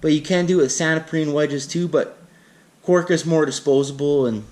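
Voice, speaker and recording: Casual man with a slightly high voice. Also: moderate pace, a little mellow. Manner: plain-spoken, casual explaining. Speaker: instructor in a how-to demonstration. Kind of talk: unscripted hands-on tutorial.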